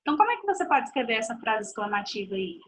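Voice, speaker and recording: A woman's voice: on the high side, very animated, very fast, slight background noise, low-quality recording. A woman giving a recorded video lesson to pupils, patiently repeating points and checking they follow. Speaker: teacher.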